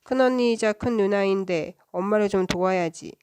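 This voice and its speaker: A woman's voice: medium pitch, normal speed, a little mellow, slight background noise, close to an everyday voice. A woman voicing a middle-aged father in a storybook reading, firm and scolding. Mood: stern.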